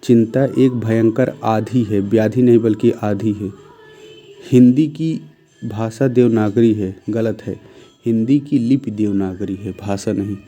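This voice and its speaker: A man's voice: on the low side, steady tone, unhurried, warm tone, soft background music. A man teaching Hindi grammar, reading each sentence and declaring it correct or incorrect, sometimes asking quiz-style questions and answering them himself. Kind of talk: spoken grammar lesson.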